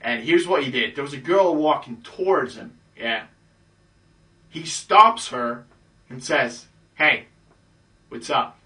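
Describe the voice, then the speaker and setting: A man, a dating coach, casually telling a story in a chatty way, full of fillers and lively re-enactments. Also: medium pitch, measured pace, recorded from a distance, poor audio.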